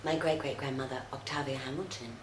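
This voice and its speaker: Low-voiced woman, halting. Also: fairly even intonation, echoey room, noisy background. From Australia. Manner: halting, full of fillers and restarts. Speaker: video commentator. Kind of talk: casual commentary.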